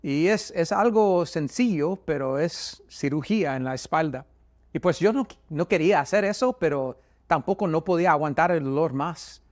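A man giving a personal religious testimony, speaking haltingly with many repeated words and restarts, his voice rising when he recalls his anguish. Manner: voice rises higher and louder when recalling anguish.

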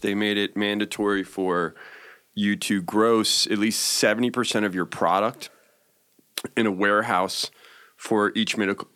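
A man's voice: lowish voice, fairly bright tone, smooth. A man in his forties telling his story as an interview guest, rambling with fillers and restarts. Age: 40s. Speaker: interview guest, cannabis business owner.

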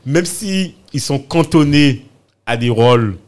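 A man's voice: a little high, expressive, slow pace. A man in casual conversation who rambles, with many restarts and fillers.

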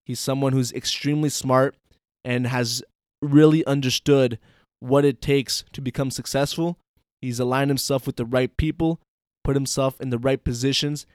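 A man's voice: medium pitch, a little mellow, clear, resonant tone, no echo, clean studio sound. A man hosting a podcast, laid-back and slangy, calling his guest "bro" and "my man". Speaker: podcast host. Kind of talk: casual interview.

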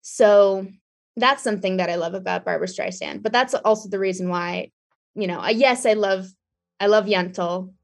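A woman's voice: medium pitch, normal speed, vocal fry. Chatty young woman artist, laughing often. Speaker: artist guest. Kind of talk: conversational interview answers.

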